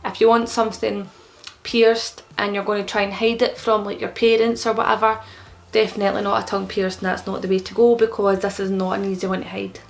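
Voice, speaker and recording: A young vlogger answers common questions in a casual, explanatory way, her mid-range, creaky voice level and fairly quick. Her speech sounds slightly impeded and thick-tongued, as if from a freshly pierced tongue.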